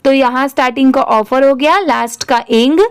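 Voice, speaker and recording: Woman teacher, high voice, slow, clear and smooth, spells words out patiently. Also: fairly even intonation. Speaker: English teacher. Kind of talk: spelling-out reading lesson.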